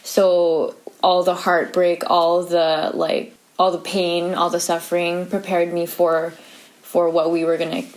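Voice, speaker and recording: A young woman in her twenties speaks in casual, heartfelt conversation. Her voice sits a touch low, and she talks earnestly, looping through fillers as she opens up. She is reflective and sincere. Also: level tone, unhurried, darkish tone. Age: 20s. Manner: earnest, filler-heavy, tearful in places. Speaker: co-host of a couple's channel. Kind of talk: casual testimony chat.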